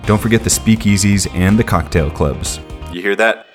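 Upbeat low-voiced male podcast host. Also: normal speed, music in the background. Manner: enthusiastic, fillers like uh and um. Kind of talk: travel podcast interview.

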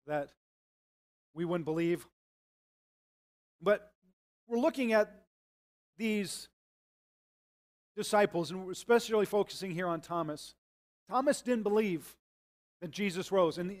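High-voiced man preaching a sermon. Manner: earnest, conversational preaching. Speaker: pastor. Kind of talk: sermon with prayer and scripture reading.

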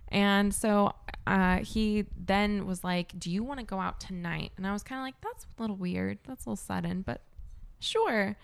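A woman's voice: mid-range voice, moderate pace, vocal fry, clear, resonant tone. A young woman co-hosting a podcast, telling a dating story in casual chat, swearing and laughing as she goes. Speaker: podcast co-host.

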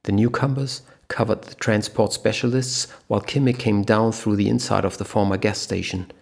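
A man narrating a thriller audiobook in a steady storytelling manner. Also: fairly low pitch, normal speed, gravelly, breathy edge.

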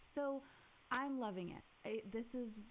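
A young adult woman co-hosting a podcast in casual chat, upbeat and quick to laugh. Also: a little high, poor audio. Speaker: podcast co-host. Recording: faint hiss.

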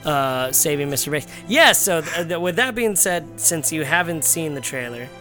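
A man's voice: a little high, lively intonation, moderate pace. A man hosting a podcast in loose, profane, rambling casual chat. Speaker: podcast host. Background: music playing.

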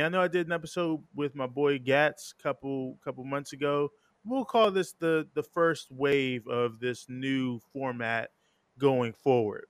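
A man's voice: mid-range voice, no room sound. A man hosting an interview podcast, talking informally and conversationally, rambling a little and correcting himself as he goes. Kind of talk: casual, conversational show introduction.

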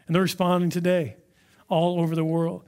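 A man preaching a sermon in a conversational, animated storytelling manner. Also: high voice, fairly quick, clear, resonant tone. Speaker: pastor.

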